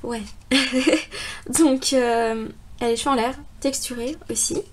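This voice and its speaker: A young woman with a high voice talks through her handmade model in a relaxed, chatty way. She leans on fillers and breaks into small giggles as she explains each part. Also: slow, noisy background. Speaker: hobby crafter presenting a contest entry. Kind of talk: casual video presentation.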